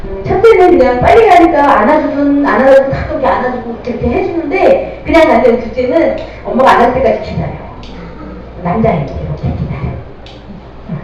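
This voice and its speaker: A woman's voice: high-pitched, fast. A middle-aged woman giving a parenting lecture, often putting questions to the audience. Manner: lively, addresses audience with questions. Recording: distant mic, dull lo-fi sound, echoey hall, noisy.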